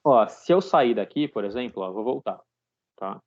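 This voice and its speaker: A man in his thirties, a teacher walking students through code step by step in a live online class and often checking in with a quick "tá?". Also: medium pitch, lively intonation, highs cut off. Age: 30s. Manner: explains step by step, ends phrases with a checking "tá?". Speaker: programming teacher.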